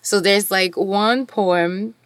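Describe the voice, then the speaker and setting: A woman's voice: mid-range voice, steady tone, slow, smooth, dry recording. A woman whose first language is French, co-hosting a casual, enthusiastic discussion of articles and poetry.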